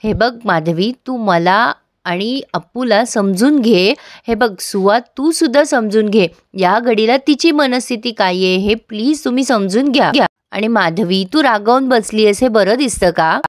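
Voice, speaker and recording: A woman's voice: fairly high pitch, unhurried, dry recording, clean studio sound, natural voice. A woman voicing an elderly uncle who reasons earnestly with his family. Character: elderly uncle, teasing yet wise.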